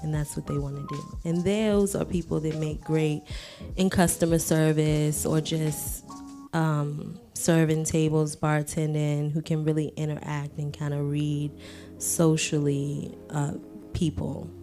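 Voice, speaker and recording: A woman's voice: low-pitched, level tone, measured pace, warm tone, soft background music. A woman from Washington, D.C., co-hosting a casual podcast chat, candid and frank, with some swearing. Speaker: podcast co-host.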